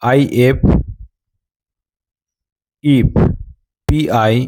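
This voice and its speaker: A man's voice: medium pitch, steady tone, drawn-out words, a little mellow. A man teaching a scripted phonics lesson, spelling out words letter by letter and giving their meanings.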